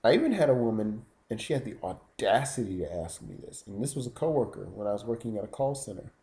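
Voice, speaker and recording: A man's voice: fairly low pitch, sing-song, quick pace, dark tone. A man telling stories in a casual vlog monologue, rambling and indignant. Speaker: YouTube vlogger.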